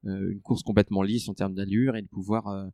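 A man in a relaxed interview, talking through his running training with many fillers and restarts. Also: lowish voice, brisk, no echo. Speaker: ultra-trail runner guest. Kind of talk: conversational interview.

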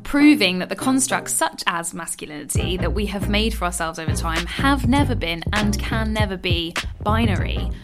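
A woman's voice: mid-range voice, lively intonation, normal speed, over loud music. A woman presenting a radio talk on art history, chatty and informal. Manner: chatty and informal, with small laughs.

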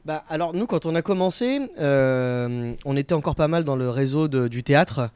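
Man telling stories with animated warmth. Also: on the high side, moderate pace, clear, resonant tone, no echo. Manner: animated storyteller, many hesitations. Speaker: guest, comedy night organizer. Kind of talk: casual interview chat.

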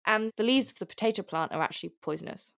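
A woman's voice: medium pitch, animated, quick pace, vocal fry, fairly bright tone. A woman in a casual podcast chat who explains facts with fillers and restarts and laughs often. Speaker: podcast co-host presenting research.

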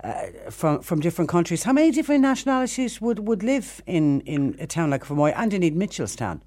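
A man's voice: high voice, very animated, fairly quick, a little mellow. A man, asking questions conversationally as a radio interviewer.

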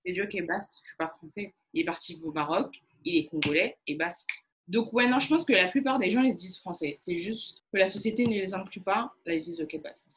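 A young woman from France with a French accent, explaining her view in a measured way in a casual discussion. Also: lowish voice, animated, noisy background. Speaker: panel discussant.

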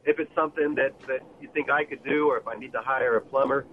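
A man's voice: medium pitch, steady tone, quick pace. A man, calling in to a radio show over the phone, hesitant with many ums and restarts. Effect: heard over a phone line. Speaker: caller. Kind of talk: call-in radio question. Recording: tinny phone line with faint noise.

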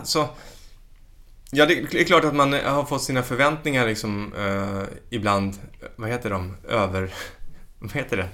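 Bright-voiced man telling jokes. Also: medium pitch. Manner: animated storyteller, swears freely, acts out jokes. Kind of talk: casual chat, telling comedy anecdotes.

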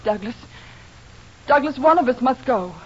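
A sharp, indignant young wife, with a high, lively voice that rises and falls widely. She is heard in a 1940s radio play. The broadcast is dull, with faint hiss. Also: moderate pace, breathy edge. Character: young wife, anxious and quick to fight.

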